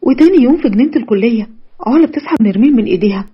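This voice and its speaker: A woman's voice: on the high side, expressive, rapid-fire, breathy edge, lo-fi sound. A woman with an Egyptian accent narrating a romance story. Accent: Egyptian Arabic.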